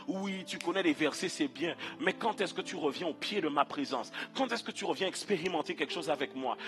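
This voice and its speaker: A man's voice: a little high, fairly bright tone. A male pastor from Guadeloupe, preaching a fervent sermon with repeated phrases and calls to the congregation.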